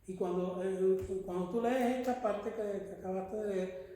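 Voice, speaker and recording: High-voiced pastor in echoey hall. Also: male voice, measured pace, dark tone. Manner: explanatory, often checks with "¿verdad?". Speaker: pastor and author being interviewed. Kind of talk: conversational Bible teaching. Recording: echoey, reverberant room.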